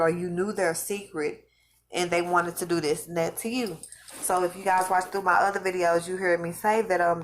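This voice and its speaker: A vlogger who is losing her voice rambles casually to her viewers about religious visions she has had, repeating and restarting phrases along the way. Her voice sits on the low side, and there's slight background noise.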